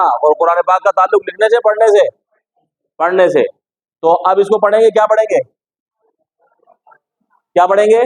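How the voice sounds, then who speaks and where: Heard on a low-quality, echo-free recording, a man whose voice sits high teaches students to recite words properly in a tajweed lesson. Repeating every word many times, he questions the class and fixes their mistakes.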